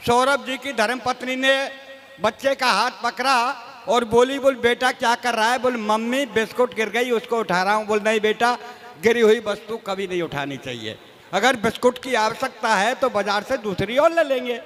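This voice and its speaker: High-voiced folksy comic poet in echoey hall. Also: male voice, normal speed, a bit bright. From Rajasthan, India. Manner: folksy, self-mocking, addresses audience as sahab. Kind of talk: stage comedy poetry recital. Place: live poetry stage before audience.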